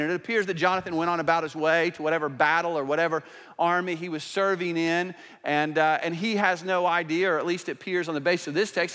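High-voiced male pastor in a reverberant hall. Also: fairly bright tone. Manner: conversational, with restarts and acted-out quotes. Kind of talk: sermon. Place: church sanctuary.

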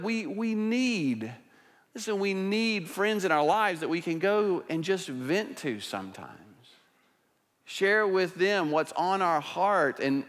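A man's voice: fairly high pitch, fairly bright tone, big-room sound. A man preaching a sermon as pastor, talking in a conversational way with restarts and small acted-out quotes. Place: church sanctuary.

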